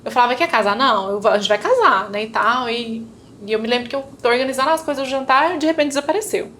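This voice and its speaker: Guest with a fairly high Brazilian voice and faint room noise behind; recounts a personal story, voicing the people in it. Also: female voice, quick pace, fairly bright tone. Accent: Brazilian Portuguese. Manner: storytelling, acting out remembered dialogue, frequent tag questions. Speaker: interview guest. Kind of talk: personal testimony in casual chat.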